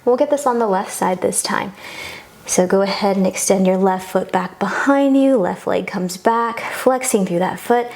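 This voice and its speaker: A woman's voice: mid-range voice, moderate pace, a little mellow. A woman yoga instructor guiding a class through poses in an encouraging, reassuring and informal way.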